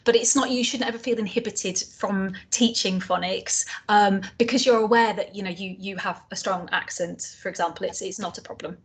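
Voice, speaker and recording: A woman's voice: medium pitch, fairly even intonation, normal speed, hardly any pauses. A woman from North East England with a North East accent, co-presenting an online phonics teaching session in a chatty, reassuring way with plenty of fillers. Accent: North East English.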